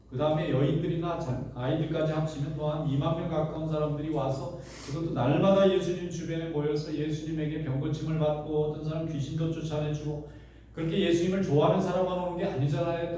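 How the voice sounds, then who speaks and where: A man's voice: a little high, warm tone, slight background noise. A man who pastors a church, preaching a sermon in a conversational storytelling way with many rhetorical questions. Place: church sanctuary. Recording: echoey church hall, voice from a distance.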